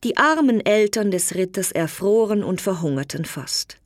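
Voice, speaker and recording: A woman reading a fairy tale aloud in slow, clear storybook narration. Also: medium pitch, no echo, studio quality. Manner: slow, clear storytelling with lively voiced quotes.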